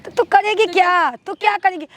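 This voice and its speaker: A woman's voice: very high-pitched, fairly even intonation, fairly quick. A woman playing a bossy, scornful daughter-in-law. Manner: bossy, contemptuous, threatening. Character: arrogant young daughter-in-law, a rude bullying model. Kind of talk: staged family quarrel skit.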